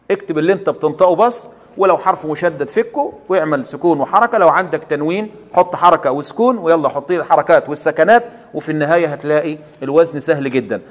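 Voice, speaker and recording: A man's voice: a little high, big-room sound. A man with an Egyptian Arabic accent teaching a recorded lesson, quizzing the listener and praising the answers.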